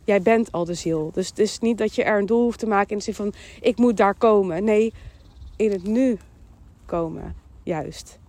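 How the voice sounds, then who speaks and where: A woman with a Dutch accent hosting a podcast, giving a calm, emphatic mindfulness talk that repeats phrases and voices the thoughts in her head. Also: medium pitch, moderate pace. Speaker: podcast host. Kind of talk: mindfulness monologue.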